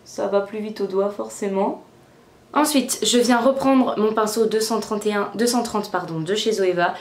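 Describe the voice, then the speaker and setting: A woman's voice: mid-range voice, normal speed, echoey room. A young woman casually narrating a makeup tutorial step by step at home, chatty, with frequent fillers. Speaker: beauty vlogger. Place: room at home.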